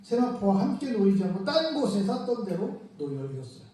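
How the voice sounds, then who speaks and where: Male pastor, high mellow voice, storytelling sermon with rhetorical questions, very roomy distant church sound. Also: big pitch swings, a little fast. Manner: storytelling, acting out the disciples and Mary in quoted speech; asks the congregation frequent rhetorical questions. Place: church sanctuary. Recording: very echoey church room, mic at a distance.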